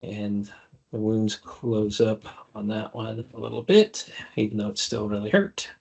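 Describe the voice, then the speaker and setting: A man running a tabletop game as game master, narrating monster moves and calling rolls, often pausing and restarting. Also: on the low side, gravelly, a little mellow, husky.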